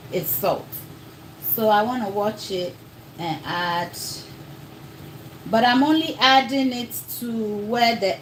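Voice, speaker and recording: This cooking livestream host is a woman whose accent blends Ghanaian and American, and she keeps things chatty, talking directly to her audience as y'all. Her mid-range voice is a bit bright. It's a rough recording with a little hiss or hum.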